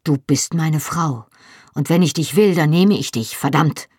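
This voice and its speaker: A reader doing a gruff stern husband. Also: male voice, medium pitch, moderate pace, dry recording, clean studio sound, close to an everyday voice. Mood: angry. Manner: gruff, curt.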